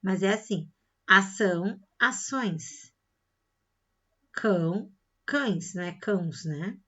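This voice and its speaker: A woman's voice: mid-range voice, animated, slow, fairly bright tone. A woman with a Brazilian Portuguese accent teaching a recorded grammar lesson, explaining step by step and checking in with frequent "tá?" and "né?". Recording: slightly dull lo-fi sound.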